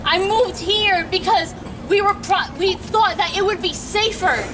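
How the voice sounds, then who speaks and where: A teenage girl from New York giving an earnest, emphatic protest speech outdoors, sometimes pausing and restarting mid-sentence. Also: very high-pitched, music in the background. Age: late teens. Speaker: student rally speaker. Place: outdoor plaza at a street rally. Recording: distant outdoor mic, crowd and traffic noise. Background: crowd cheering, traffic.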